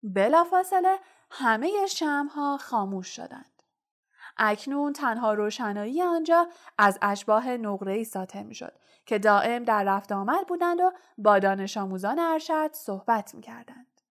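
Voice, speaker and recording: Woman narrating a storybook, higher voice. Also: expressive. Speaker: audiobook narrator.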